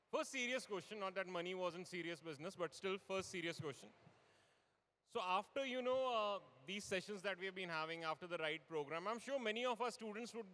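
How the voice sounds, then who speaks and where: His high-sitting voice is bright and forceful as he, a forties-aged man with an Indian accent, runs a live panel full of teasing and self-mockery. The setting is a large indoor hall with an audience, recorded through an event mic with hall echo and PA.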